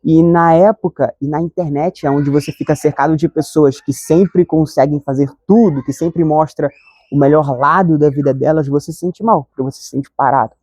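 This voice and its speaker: A man's voice: on the high side, steady tone, moderate pace, a little mellow, husky, dry recording, studio quality. A man, giving an earnest, conversational devotional reflection and often asking "sabe?". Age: 20s. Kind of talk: reflective devotional talk to camera.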